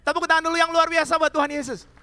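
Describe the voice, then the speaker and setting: Bright-voiced male pastor preaching in a hall. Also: very high voice, very fast. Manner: lively preaching that calls out to the congregation. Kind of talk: sermon. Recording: long hall reverb.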